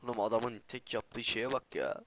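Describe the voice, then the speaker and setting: Excitable trash-talking man gaming. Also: medium pitch, no room sound. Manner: repeats words in rapid bursts. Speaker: gaming channel host. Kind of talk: live gameplay commentary.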